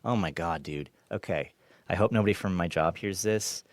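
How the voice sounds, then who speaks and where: A man's voice: low-pitched, normal speed, no echo. A man from Kansas, a former film assistant director, chatting casually as a podcast guest, restarting sentences, laughing easily and swearing now and then. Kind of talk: casual interview chat.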